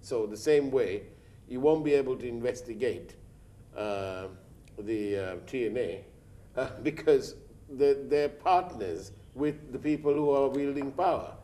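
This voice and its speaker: A man's voice: mid-range voice, a little slow, dark tone. A man hosting a studio news interview, pressing his guest with challenging follow-up questions while he is losing his voice and coughing.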